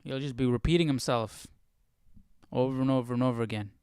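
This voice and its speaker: A man hosts a livestream Bible study, reading and commenting in a relaxed, conversational way and often checking in with the listener. His medium-pitched voice is a little fast and darkish, and the clean studio recording has no echo.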